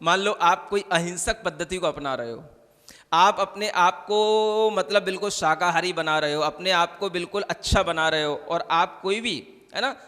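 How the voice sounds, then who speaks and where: Speaking at a normal pace in a high, sharp-toned voice, a male Jain monk preaches conversationally and keeps asking "समझ आ रहा है?" to make sure his audience is following. The sound carries a long hall reverb.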